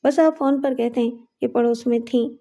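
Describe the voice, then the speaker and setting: A woman voicing a clever, sharp-tongued younger sister who talks in a brisk, matter-of-fact way. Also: a little high, steady tone, close to an everyday voice.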